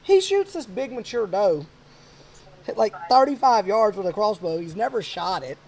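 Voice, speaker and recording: A man around forty hosting a podcast, telling a hunting story in a rambling, animated way. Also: high voice, moderate pace, vocal fry. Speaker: podcast host. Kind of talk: casual chat.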